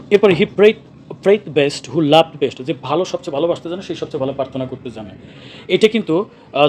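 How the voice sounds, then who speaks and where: A man's voice: a little high, darkish tone, a little hiss or hum. A young man teaching an exam-prep lesson. He explains each answer step by step, repeats key words and asks his own questions before answering them.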